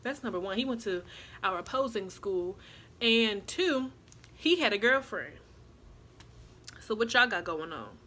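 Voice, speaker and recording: A young adult woman vlogger telling a story in a chatty, animated way, with asides to her viewers. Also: medium pitch, measured pace, long pauses. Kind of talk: casual storytime.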